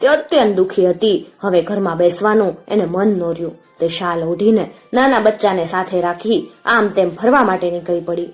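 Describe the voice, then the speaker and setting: A woman's voice: fairly low pitch, moderate pace, hardly any pauses, soft background music. Woman narrating a folk tale. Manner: calm, expressive storytelling. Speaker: storyteller. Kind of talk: storybook narration.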